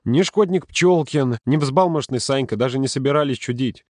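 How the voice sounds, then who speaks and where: A man narrating a story in a calm, steady audiobook reading. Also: mid-range voice, normal speed, no room sound, studio quality. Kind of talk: scripted narration.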